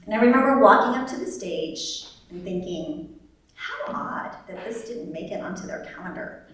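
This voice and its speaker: A young adult woman, born in Vietnam and raised in the United States, telling a personal story on stage with wry humor and animated quoted voices. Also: medium pitch, normal speed, slight background noise. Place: large echoey venue at a live event. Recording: echoey hall, distant mic.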